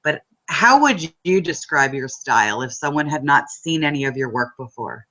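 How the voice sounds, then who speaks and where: A woman's voice: sits low, animated, moderate pace, a bit bright, dull audio. A woman hosting an interview, gushing and enthusiastic with her guest. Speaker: interview host.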